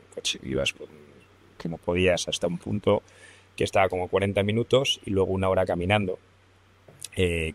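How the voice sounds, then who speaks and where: A young man from Spain, speaking with a Spanish accent, tells a story as a podcast guest. His voice sits low, and he's casual and colloquial, laughing often and swearing freely.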